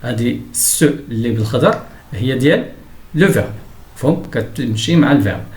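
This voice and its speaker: A man with a Moroccan Arabic accent teaching a grammar lesson. He explains in Arabic and reads his example sentences slowly and carefully. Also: mid-range voice, expressive, darkish tone, echoey room.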